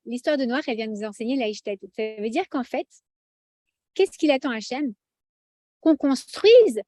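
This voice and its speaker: High-voiced chatty woman teaching. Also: dry recording, studio quality. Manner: chatty, animated, asks the audience often. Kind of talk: lively religious lesson.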